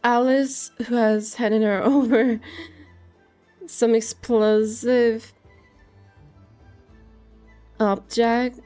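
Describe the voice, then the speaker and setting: A woman giving casual game reaction commentary, thinking aloud in a halting, musing way. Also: on the high side, flat delivery, warm tone, clean tone. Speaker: streamer. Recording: game music behind the voice.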